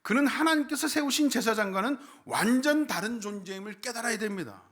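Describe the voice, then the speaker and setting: Animated pastor preaching with wide swings. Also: male voice, extremely high pitch, brisk. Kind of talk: sermon. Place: church sanctuary.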